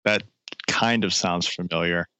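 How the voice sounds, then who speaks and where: A man's voice: low-pitched, fairly even intonation, unhurried, pushed and bright, clear, resonant tone, dry recording. A forty-year-old man, a musician being interviewed, friendly and rambling, full of likes and restarts. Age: 40s. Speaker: musician guest. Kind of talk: casual interview. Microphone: phone line.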